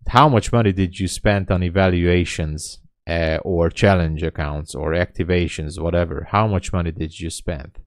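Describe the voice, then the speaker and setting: In his late thirties, this day trader chats casually on his live stream, answering viewer comments in a candid, self-deprecating way. His low voice holds a steady tone at a moderate pace with few pauses, captured dry at studio quality.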